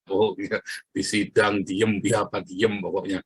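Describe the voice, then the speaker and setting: A man's voice: on the low side, flat delivery, measured pace, slightly rough, no room sound. A man preaching a casual, conversational sermon, chatting with his listeners and laughing often between remarks.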